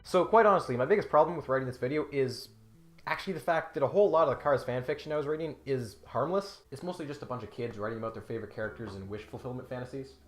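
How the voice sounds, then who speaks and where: A video essay host delivers scripted comedic commentary in an emphatic, mock-serious way, including dramatic read-aloud passages. He speaks very fast at medium pitch, with roomy echo and music behind him.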